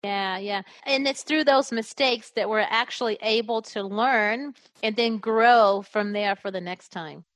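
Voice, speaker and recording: A woman's voice: on the high side, unhurried, hardly any pauses, a bit bright, dry recording. Upbeat woman podcast host. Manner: upbeat and encouraging. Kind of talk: interview hosting. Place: in Guam.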